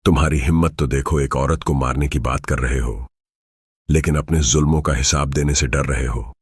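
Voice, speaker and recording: A man voicing a young undercover woman officer who pleads, then speaks firm and commanding, in a low husky voice. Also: steady tone, normal speed, dry recording, clean studio sound, heavily acted. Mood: defiant.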